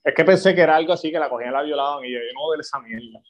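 A man's voice: fairly high pitch, rapid-fire, highs cut off. A man co-hosting a podcast, telling stories with lots of swearing. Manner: profane, animated storytelling. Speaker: podcast co-host. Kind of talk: casual chat.

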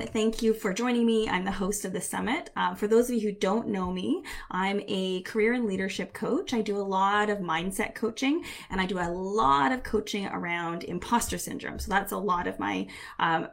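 A woman's voice: mid-range voice, normal speed, vocal fry, a bit bright. Chatty woman coach speaking live online. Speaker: career and leadership coach, summit host. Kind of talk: live online training, casual chat.

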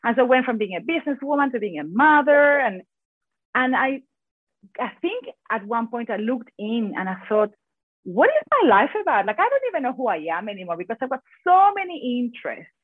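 A woman with a strong Argentine Spanish accent speaks quickly and animatedly as a podcast guest. Her voice comes through tinny and narrow, as if over a phone line, with no room sound at all. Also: a little high, breathy edge, no room sound. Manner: fast-talking, animated storyteller. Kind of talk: podcast interview.

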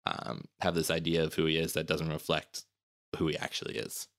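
Male podcast co-host, extremely low voice, bright edge, dry close sound. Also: completely flat delivery, brisk, gravelly, no room sound. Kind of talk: casual podcast chat.

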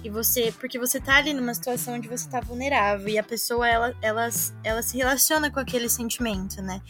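A woman's voice: a little high, fast talker, fairly bright tone, faint music behind. A Brazilian woman with a Brazilian accent in casual podcast chat, talking in a thoughtful, slightly hesitant way.

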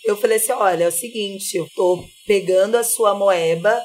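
A woman's voice: medium pitch, normal speed, a little mellow, a little hiss or hum. A woman, a single mother, telling a story in casual chat and laughing often. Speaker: podcast guest, single mother.

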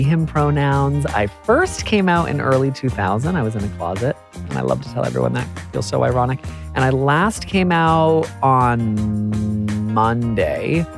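An American man hosting a podcast interview, bubbly and playful in a theatrical way. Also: mid-range voice. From United States. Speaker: podcast host.

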